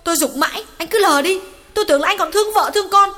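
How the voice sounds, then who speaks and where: A woman voicing a young secretary and mistress who lashes out in shrill, scolding outbursts and tearful complaints. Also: very fast, bright, forceful tone. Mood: furious. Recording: reverberant reading with guitar music behind.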